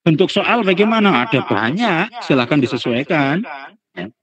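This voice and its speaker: A man's voice: on the high side, sing-song, normal speed, fairly bright tone, slightly rough. A male lecturer giving an online teacher training lecture, explaining with everyday analogies and rhetorical questions.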